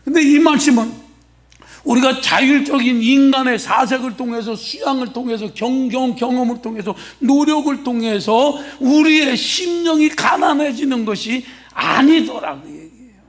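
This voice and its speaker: A man preaching a Sunday sermon as senior pastor, emphatic, bursting into shouts and checking with the congregation. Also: very high voice, moderate pace. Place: church sanctuary.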